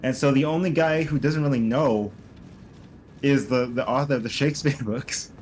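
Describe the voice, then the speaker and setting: A man's voice: medium pitch, moderate pace, a little mellow, a little hiss or hum, low-quality recording. A man streaming a co-op game, chatting casually and telling a rambling story full of "like" and "um". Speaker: streamer playing co-op. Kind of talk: casual gaming chat.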